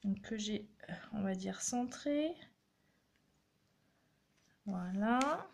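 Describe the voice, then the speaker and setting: A woman's voice: medium pitch, expressive, drawn-out words, creaky, slight background noise. A woman hosting a craft tutorial, chatting and encouraging viewers as she demonstrates step by step. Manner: chatty, encouraging, talks while working.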